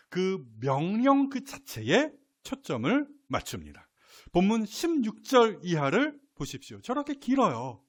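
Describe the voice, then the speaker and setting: Male pastor, middle-aged, fairly high voice, animated delivery with acted-out shouts. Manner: lively, playful, acts out shouts. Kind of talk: sermon.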